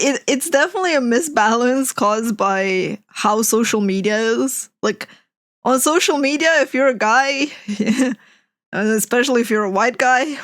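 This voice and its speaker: A woman chats through a video she is reacting to, animated and exclamatory. Her voice sits fairly high. She talks casually, as a streamer would. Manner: animated, exclamatory, quick to laugh.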